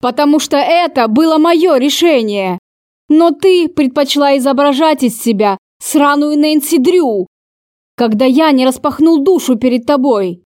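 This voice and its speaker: A woman's voice: high-pitched, expressive, a little slow, dry recording, clean studio sound. A woman doing a raging, cursing man. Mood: furious. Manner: shouting, swearing, spitting words. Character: furious cursing man, volatile and cruel.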